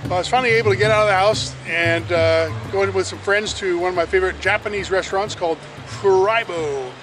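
A man's voice: high voice, fast, music in the background, rough recording. A man in his fifties chatting casually and hesitantly to a handheld camera as a fitness vlogger. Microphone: handheld action camera at arm's length.

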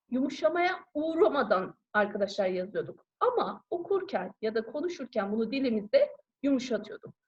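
A woman teacher giving a grammar lesson to schoolchildren, explaining patiently, asking questions and answering them herself, and calling out to her pupils again and again. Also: fairly high pitch. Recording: dull lo-fi recording.

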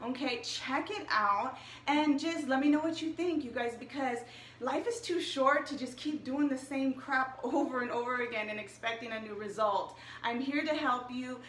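A bubbly young woman with a high voice talks straight to her viewers in a relaxed, chatty way. She sounds a little distant from the mic, in a roomy space with echo and a faint hiss behind her. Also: normal speed. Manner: chatty and upbeat, addresses viewers directly. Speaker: health and wellness coach. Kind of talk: casual live-stream chat.

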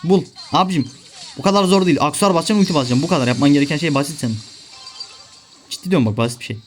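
A man's voice: on the high side, very fast, soft background music. A young man giving live gameplay commentary, ranting and swearing at his teammates in frustration. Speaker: gaming video creator.

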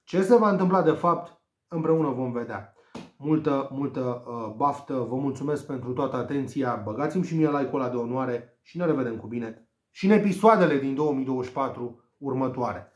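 A man's voice: medium pitch, lively intonation, reverberant. Theatrical man giving betting tips. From Romania. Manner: theatrical, exclaims, repeats and spells out names. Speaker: betting tipster. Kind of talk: solo betting tips monologue.

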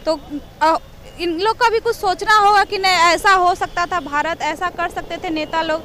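A woman with a very high voice reports from a busy street crossing. She chats easily and nudges passersby with question after question. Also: fairly even intonation, moderate pace, pushed and bright, a little hiss or hum. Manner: chatty, coaxing questions to passersby. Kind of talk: street vox pop reporting.

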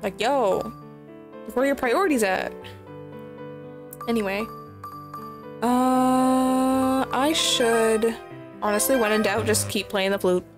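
A woman chatting through a dating game in casual let's-play commentary, excitable and crude, with playful swearing. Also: fairly high pitch, takes it slowly, long pauses. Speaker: streamer playing a dating game. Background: game music.

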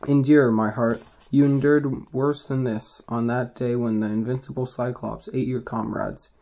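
A weary hero of old speaks grimly of his troubles, read by a man in his own voice. The tone is low-key and mellow. It is restrained rather than theatrical. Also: fairly even intonation, moderate pace, natural voice. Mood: brooding.

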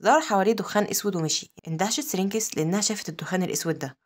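A woman with an Egyptian accent narrating a comic-story recap, with quick asides. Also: mid-range voice. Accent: Egyptian Arabic. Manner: rapid, breathless storytelling with asides.

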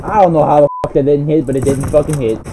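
A young man commentating his own online shooter match, with profane, hot-tempered trash talk and bursts of yelling. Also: on the high side, quick pace. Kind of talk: live gameplay commentary. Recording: gameplay audio noise under the voice. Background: game sounds, gunfire and vehicles.

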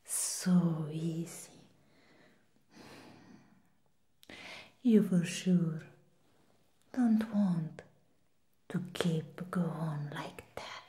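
A woman whispers in character as a seductive she-devil, teasing and coaxing like a temptress trying to lure a human. Her low, breathy whisper is very slow, soft and dark, and the mood is one of seductive coaxing.

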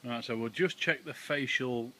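A man's voice: medium pitch, moderate pace, pushed and bright. A man filming his children at home by a garden barbecue, teasing them and mock-scolding their messy eating. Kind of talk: home video banter. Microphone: handheld camera. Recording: noisy home camera recording.

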